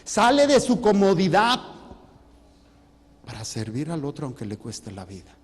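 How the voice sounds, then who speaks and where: A priest preaching a sermon, firing questions at his congregation and swinging between loud stresses and quiet asides. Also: on the high side, wildly swooping pitch, measured pace, slight background noise. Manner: questions the congregation directly, calls on listeners. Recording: long hall reverb.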